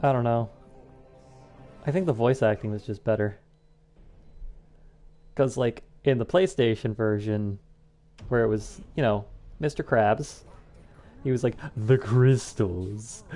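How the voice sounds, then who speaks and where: Male gamer co-host, relaxed let's-play chatter, faint music bed. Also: medium pitch, a little slow, long pauses. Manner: hums tunes and swears offhandedly while playing. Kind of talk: casual gameplay commentary. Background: faint game music.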